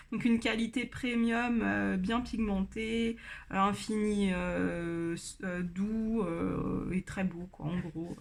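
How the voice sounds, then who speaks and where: A French woman giving a casual review of colored pencils, pausing often with fillers and restarting her sentences. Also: medium pitch, fairly even intonation, vocal fry, slight background noise. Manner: hesitant, many fillers and restarts. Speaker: art supply reviewer.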